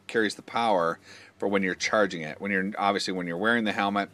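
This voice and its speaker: Fairly low in pitch, this man's voice is fast and sharp-toned with fairly even intonation and no echo. He walks through a product demonstration informally and hands-on, in a matter-of-fact, step-by-step way.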